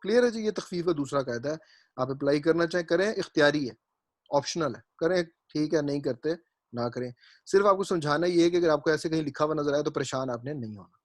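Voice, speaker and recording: Fairly high-voiced man teaching grammar. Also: no echo. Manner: explanatory, repeats points and checks understanding. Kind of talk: classroom lecture.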